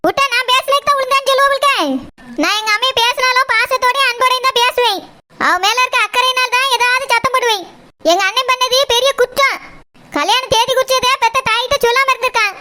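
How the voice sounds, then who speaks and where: A woman doing a shrill, bossy cartoon housewife. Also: fairly even intonation, fast talker, pushed and bright. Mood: scolding. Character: fierce middle-aged woman, sharp-tongued daughter-in-law. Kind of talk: cartoon voice acting.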